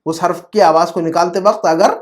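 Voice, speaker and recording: A teacher of Arabic, recorded over a computer mic on a video call, walking a student through pronunciation. The delivery is patient and repetitive, with frequent checks that the point is clear and English words dropped in, all at an average pitch. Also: fairly even intonation. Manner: patient, repeats words and checks understanding often; mixes English terms into explanations. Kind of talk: online class explained in Urdu. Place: online video class.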